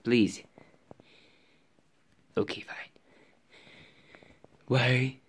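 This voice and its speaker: Husky and medium-pitched, this young man's voice stays fairly even as he draws out his words. He's in his bedroom, working the floor and desk, giving voices to several plush toys in an improvised skit and often dropping to a whisper.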